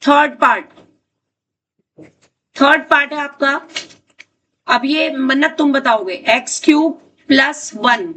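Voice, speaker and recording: High-voiced woman teaching a math class. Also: bright, forceful tone. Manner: brisk, repeats questions, calls on students by name. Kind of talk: classroom teaching, questioning students. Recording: distant mic with faint noise.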